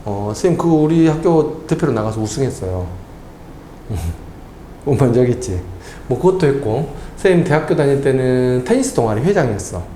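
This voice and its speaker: Lively man quizzing a student. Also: medium pitch, normal speed, slight background noise. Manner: quizzing with constant tag questions. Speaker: math tutor. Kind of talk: tutoring lesson with casual chat. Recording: echoey room.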